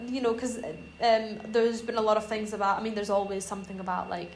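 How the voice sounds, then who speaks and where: A woman's voice: mid-range voice, fairly even intonation, quick pace. Chatty young woman from Iran, roomy sound. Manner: rambling, hesitant, many fillers. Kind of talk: casual podcast chat. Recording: roomy echo, faint noise.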